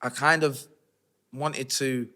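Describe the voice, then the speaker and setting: A man's voice: mid-range voice, slow pace. Streetwise man telling his story. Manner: streetwise, animated, slangy retelling with acted-out quotes. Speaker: interview guest. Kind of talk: candid storytelling interview.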